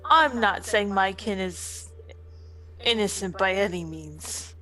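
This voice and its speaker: A woman's voice: mid-range voice, takes it slowly, sharp tone, faint music behind, poor audio. A woman playing a tabletop role-playing game, chatting casually in and out of her role. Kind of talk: casual role-play chat.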